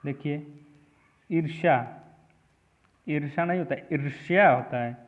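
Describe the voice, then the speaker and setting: Guy teaching spelling for exams, says each word over and over, slightly high voice, sounds like a tinny phone line. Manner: repetitive, drills each word slowly. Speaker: exam prep teacher. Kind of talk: spelling lesson.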